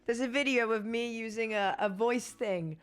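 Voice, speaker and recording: Talking to her stream viewers in a relaxed way, this young woman with a British accent is hoarse after losing her voice, and she rambles and laughs a lot. She speaks on the high side at a moderate pace.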